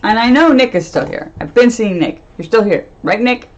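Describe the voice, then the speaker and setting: A woman's voice: fairly high pitch, animated, normal speed. A woman doing a casual live-stream tarot reading, chatty, laughing often and trailing off into fillers. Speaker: medium and tarot reader. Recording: dull lo-fi stream audio.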